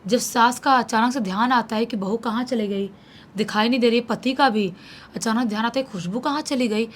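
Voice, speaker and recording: A woman storyteller recounts a horror tale in a dramatic way, dropping in English words. Her voice sits a little high, with faint noise behind it. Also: moderate pace.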